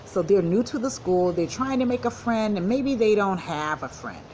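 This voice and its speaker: A female school counselor addresses young children in simple, encouraging words, stressing points deliberately as in a read-aloud lesson. Her voice is medium-pitched, animated, and a little mellow, with a slight hiss or hum on the recording.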